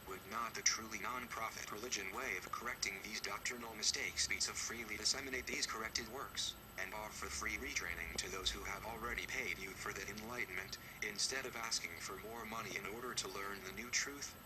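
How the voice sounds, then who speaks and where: Anonymous male spokesman, disguised deep voice, flat and accusatory, noisy track. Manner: cold, measured, accusatory. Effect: disguised deep synthetic-sounding voice. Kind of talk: scripted recorded statement. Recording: noisy recording.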